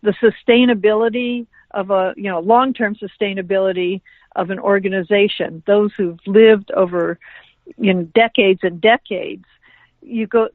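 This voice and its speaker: A woman guest speaking by phone on a radio show, her voice mid-pitched and close. She explains ideas in a measured, thoughtful way. The line is thin and tinny. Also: no echo. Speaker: guest author. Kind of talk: interview answers.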